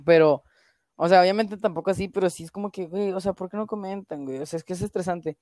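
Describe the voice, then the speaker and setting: This young woman speaks with a Mexican accent and rants casually to her stream audience, swearing freely and leaning on filler words. Her voice is mellow and dark. The recording is dry and close, with no room sound. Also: fairly low pitch, fast, dry recording. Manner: slangy, swears a lot, peppers speech with filler words. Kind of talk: casual profane stream chat.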